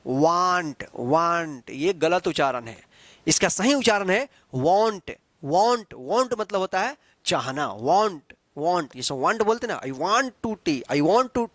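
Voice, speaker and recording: High-voiced man teaching English pronunciation. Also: a bit bright, no room sound. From Bihar, India. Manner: repetitive, asks questions and answers them himself; spells words letter by letter slowly. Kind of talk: classroom-style spelling and pronunciation lesson.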